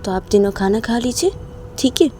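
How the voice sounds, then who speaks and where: Lady doing a young wife begging sorry, pitched way up, mellow. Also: animated, moderate pace, a little hiss or hum, lightly acted. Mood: gentle. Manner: pleading, high-pitched apologies. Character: tearful pleading young wife.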